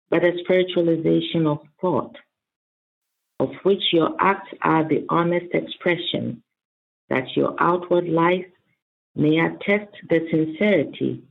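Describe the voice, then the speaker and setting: A man speaking in measured, deliberate phrases, as a reader and participant in a devotional discussion. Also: fairly high pitch, creaky. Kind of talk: reading devotional texts and commenting. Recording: narrow phone line with faint noise.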